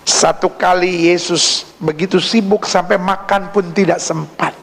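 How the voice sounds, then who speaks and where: A male pastor delivers an animated sermon in a high, gravelly voice. He leaps between emphatic declarations and hushed, acted-out prayers. The sound carries a long echo from a big hall. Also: a little slow. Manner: preaching with dramatic swings, acting out prayers and quotes. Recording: echoey hall.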